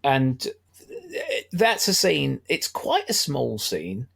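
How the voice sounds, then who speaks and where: A man's voice: medium pitch, big pitch swings, slow, vocal fry, fairly bright tone. A middle-aged man, chatting wryly about a film as a podcast co-host. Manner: chatty, wry, laughs often. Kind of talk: casual film discussion.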